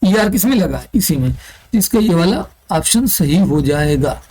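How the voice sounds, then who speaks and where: A man's voice: on the high side, lively intonation, measured pace, darkish tone, poor audio. A man teaching an online exam-prep English grammar lesson, explaining step by step and answering his own questions aloud. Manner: asks the class questions and answers them himself, repeating key terms.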